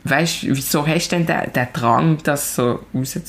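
Young Swiss woman in her twenties; gravelly, outspoken, animated guest. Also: sits low, moderate pace. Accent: Swiss German. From Switzerland. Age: 20s. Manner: direct, animated, emphatic. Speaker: musician guest. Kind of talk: casual chat.

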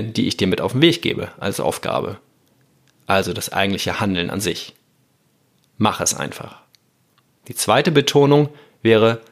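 A man hosting a motivational self-help podcast, talking earnestly and directly to the listener. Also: lowish voice. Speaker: podcast host.

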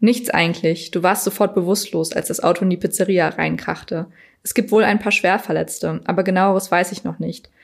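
A calm young man from a read-aloud story talks gently and caringly to a friend, voiced by a woman reading. He speaks evenly. The voice sits a little low. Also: fast talker, hardly any pauses, lightly acted.

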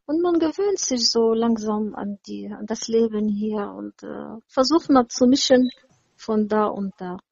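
A Syrian woman in her seventies speaks with a Syrian Arabic accent as a guest in a casual interview, hesitating and using lots of fillers. Her voice is on the high side, unhurried, creaky and a little mellow, captured in a dry, lo-fi recording.

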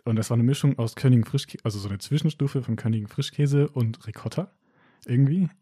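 A young man talks in a relaxed, mellow voice with a mid-range pitch. He tells things casually and colloquially, with plenty of loose hedging, in a dry recording. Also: fast, no echo. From Germany. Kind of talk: casual chat.

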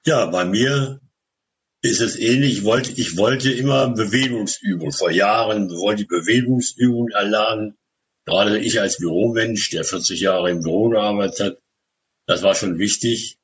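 A man, answering interview questions haltingly, with many restarts. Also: fairly low pitch. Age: 70s. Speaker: association group leader.

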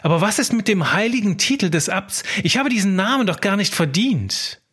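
A man's voice: high voice, big pitch swings, fairly quick, fairly bright tone, breathy edge, voice pushed up, exaggerated voice. A man voicing an anxious, insecure scribe who feels he is an impostor, talking in a fretful, pleading way. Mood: anxious, doubting. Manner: fretful, self-doubting, pleading. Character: anxious insecure male scribe posing as abbot.

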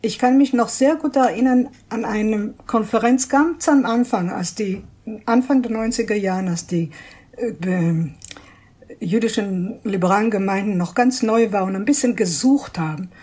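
Earnest older woman, husky, mellow. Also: medium pitch, moderate pace. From Israel. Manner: earnest, searching for words with restarts. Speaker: interview guest, prayer leader. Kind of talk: thoughtful interview answers.

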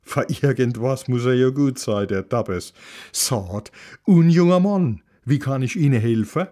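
A man voicing a hurried, bossy middle-aged woman with a who rushes in out of breath. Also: medium pitch, lively intonation, dark tone, natural voice. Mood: brisk. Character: bustling middle-aged woman, the librarian's wife.

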